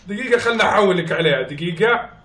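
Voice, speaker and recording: A man's voice: high-pitched, expressive, racing, fairly bright tone. A man making a prank phone call in a hesitant, stalling way. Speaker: prank caller. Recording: echoey room.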